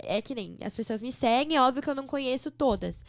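A woman from Brazil, a podcast guest, telling stories in an animated, chatty way. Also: high-pitched, quick pace, dry recording. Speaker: interview guest. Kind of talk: casual chat.

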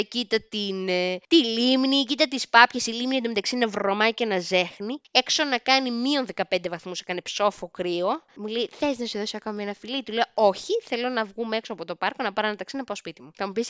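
A young woman telling her own dating stories as a podcast host, in a chatty, self-mocking way with lively asides. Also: a little high, clean tone, dry recording, dull audio. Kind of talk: casual storytelling monologue.

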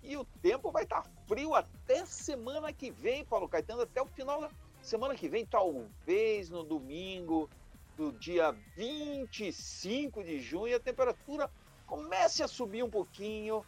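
A man giving a lively weather and football report on radio, often addressing the host directly. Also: sits high. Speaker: weather and sports correspondent.

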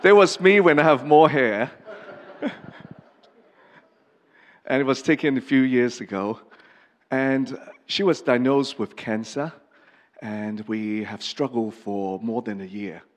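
A middle-aged pastor from Hong Kong gives a personal testimony sermon, earnest and halting with many pauses and restarts. His voice is mid-range, and the recording carries the long reverb of a large hall.

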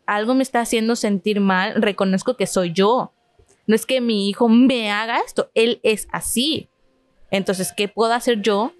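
A Mexican woman speaks as a family therapist in a podcast chat, weaving personal anecdotes into her advice. Her voice sits at a middle pitch. The sound is dry and close. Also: dry recording. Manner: explains with personal anecdotes, acts out quoted feelings. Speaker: guest psychologist and family therapist. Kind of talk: conversational podcast talk.

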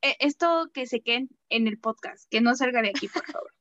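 A Mexican woman co-hosting a podcast, outspoken and animated in casual slangy chat. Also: fairly high pitch, fairly quick, no echo, dull audio. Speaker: podcast co-host.

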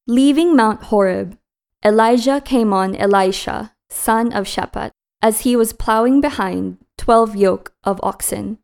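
A woman reading scripture and psalms as a liturgical reader, in a solemn, measured and carefully phrased way. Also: medium pitch, vocal fry, a little mellow.

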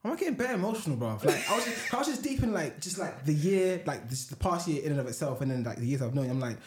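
A young man, co-hosting a casual podcast chat and telling stories in slangy, animated bursts. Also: on the high side, fast, a little hiss or hum. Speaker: co-host.

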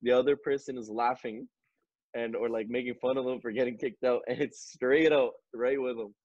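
A man's voice: medium pitch, steady tone, moderate pace, darkish tone, no echo, muffled recording. Laid-back man telling a story on a call. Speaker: podcast co-host. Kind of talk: casual storytelling. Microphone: video call.

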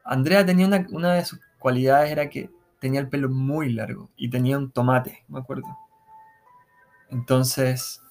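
A man telling his own paranormal experience in a relaxed, halting, casual way, full of restarts and slang. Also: medium pitch, soft background music. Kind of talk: casual first-person storytelling.

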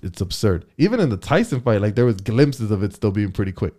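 A man's voice: on the low side, big pitch swings, brisk, mellow. Man, casual chat, profane and slangy, restarts his phrases. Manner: profane, slangy, says "bro" a lot.

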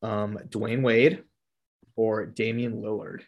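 A man's voice: on the low side, little pitch movement, slow, lo-fi sound. Young male host, casual, reads quiz options aloud, laughs often. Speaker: podcast host reading quiz questions. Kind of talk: casual chat.

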